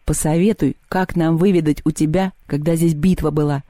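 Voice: mid-range voice, steady tone, a little fast, mellow, dry recording, clean studio sound, close to an everyday voice. A reader voicing a thoughtful boy who speaks sensibly and a bit glumly.

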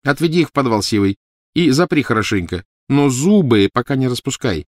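A man's voice: medium pitch, big pitch swings, fairly quick, dry recording, voice pushed up, lightly acted. A fierce, half-mad witch barks orders in a raised, strained voice, done by a man narrating. The storybook reading is dry and close. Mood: commanding. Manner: hissing, commanding, rising to shrieks. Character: shrill, frantic, cruel witch woman.

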